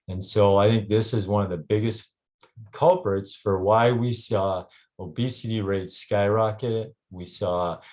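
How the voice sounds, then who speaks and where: A middle-aged man with a Canadian accent and a somewhat low voice talks casually to a group about health. He stops often, filling gaps with ums and starting his sentences over. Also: a little mellow. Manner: halting, frequent ums and restarts. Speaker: health clinic doctor.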